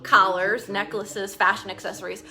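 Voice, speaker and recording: A woman's voice: mid-range voice, level tone, normal speed, pushed and bright. A woman hosting a casual live video chat through a mask and face shield, rambling along with jokey asides. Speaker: livestream host.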